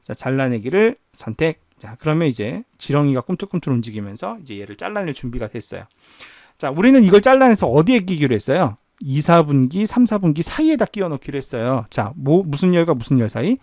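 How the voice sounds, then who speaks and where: A male professor giving an online lecture and showing each step on screen. His voice is gravelly and a little high, and his pitch rises and falls a lot as he poses a question and then answers it. The recording is dry and close, with no room sound. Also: big pitch swings, a little fast, darkish tone, no echo. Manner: asks the class questions and answers them himself; walks through screen steps. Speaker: university professor. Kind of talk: online lecture on spreadsheet software.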